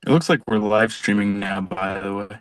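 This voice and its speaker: A man's voice: lowish voice, fairly even intonation, normal speed, no room sound. A man chairing a public meeting over a video call, his voice scratchy and cutting in and out through his computer microphone. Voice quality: scratchy, breaking-up voice. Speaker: commission member chairing the meeting. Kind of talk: casual meeting talk.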